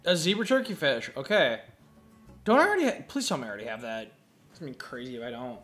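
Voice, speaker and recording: A man's voice: mid-range voice, big pitch swings, fast talker, a bit bright, soft background music. A man giving casual, profane gameplay commentary, muttering to himself as he plays.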